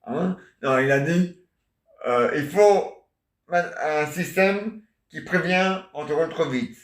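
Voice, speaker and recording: A man's voice: on the high side, takes it slowly. A man talking in a meandering, joking monologue, full of little asides and fillers. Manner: meandering, jokey, filler-heavy. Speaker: vlogger. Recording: echoey room.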